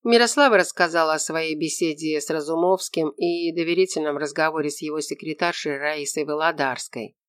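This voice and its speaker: An audiobook narrator reading a detective novel in an even, measured way. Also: mid-range voice, smooth, no room sound, studio quality.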